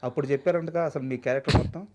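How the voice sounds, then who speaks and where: Male interviewer, very fast pace, encouraging short prompts. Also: medium pitch, a little mellow. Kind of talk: conversational interview.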